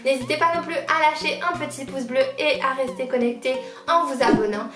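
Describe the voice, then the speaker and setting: A woman's voice: sits high, brisk, a bit bright. A woman in her twenties from La Réunion, casually showing off her school supplies in a vlog and repeating how much she likes each item. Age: 20s. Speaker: lifestyle vlogger. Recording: roomy sound, mic at a distance, faint background music.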